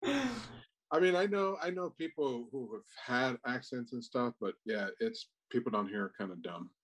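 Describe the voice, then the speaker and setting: Man, podcast guest, easygoing and halting, casual swearing, middle pitch. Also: lively intonation, poor audio. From Texas. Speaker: guest, tattoo artist. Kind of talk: casual interview chat.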